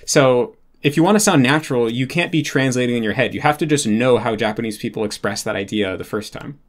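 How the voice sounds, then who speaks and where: A man's voice: mid-range voice, fairly quick. A man talking casually as an interview guest, explaining ideas thoughtfully and filling gaps with "like". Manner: thoughtful, explanatory, many "like" fillers. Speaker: interview guest, Japanese learner.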